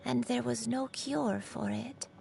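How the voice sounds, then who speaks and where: Woman doing a gravelly old granny, frail and forgetful, slow and sorrowful, video game dialogue. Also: on the high side, a little mellow, faint music behind, full character voice. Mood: wistful. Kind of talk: reading game dialogue aloud.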